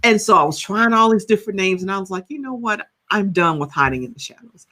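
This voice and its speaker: A counselor in her fifties speaks on a video-call podcast in a bright, forward voice. She tells her story with animated energy and keeps checking in with "right?". Her pitch sits in an ordinary middle range for a woman. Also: quick pace. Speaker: guest, counselor and coach. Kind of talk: podcast interview.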